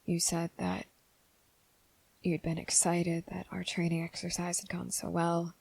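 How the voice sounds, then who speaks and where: In an ASMR roleplay aimed at the listener, a woman plays a nervous, earnest, gentle young male trainee confessing his feelings, her soft, breathy voice often slipping into a whisper. Her pitch is fairly low and her delivery completely flat, halting and hesitant with frequent pauses mid-sentence, over a slight hiss or hum. The mood is tender and careful.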